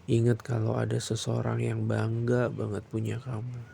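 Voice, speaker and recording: A man doing a soft, soothing bedtime boyfriend roleplay in a close, intimate way, sometimes slipping into a breathy whisper. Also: mid-range voice, monotone, normal speed, a little hiss or hum.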